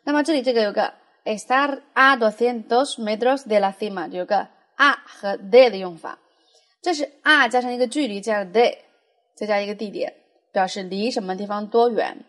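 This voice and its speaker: A woman's voice: mid-range voice, moderate pace, fairly bright tone. A young adult woman teaching a language lesson, explaining patiently and reading foreign phrases aloud with frequent fillers. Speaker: Spanish teacher.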